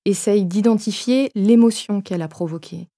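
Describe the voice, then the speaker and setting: A woman guides a meditation in a soft, medium-pitched voice, offering gentle instructions slowly and pausing between phrases.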